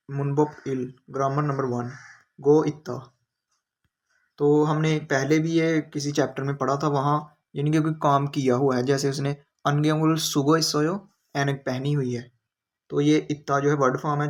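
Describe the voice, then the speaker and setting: Patient man explaining in a flat voice. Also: a little high. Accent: Pakistani Urdu. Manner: patient, repeats each word slowly with its meaning. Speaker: language teacher. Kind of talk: step-by-step lesson explanation.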